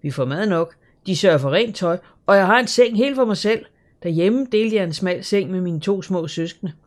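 An audiobook narrator voicing a bold, streetwise girl in her early teens who talks lively and unashamed. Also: medium pitch, pitched above the performer's own voice, natural voice. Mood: matter-of-fact. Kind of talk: audiobook character voice.

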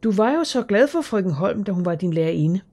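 A woman reading the lines of a gentle middle-aged aunt who soothes a child while breaking hard news. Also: medium pitch, animated, close to an everyday voice. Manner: soft, soothing, slightly shaky.

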